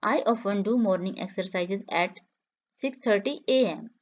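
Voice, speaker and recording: A woman's voice: mid-range voice, highs cut off. Woman reading practice phrases twice. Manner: says each line twice, clear and measured. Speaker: English teacher. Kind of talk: slow repeated phrase reading for learners.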